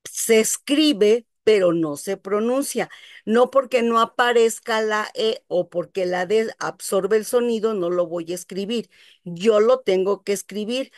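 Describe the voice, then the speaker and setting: A woman's voice: mid-range voice, measured pace, dry recording, studio quality. A woman teaching English pronunciation, explaining patiently and checking that her students follow.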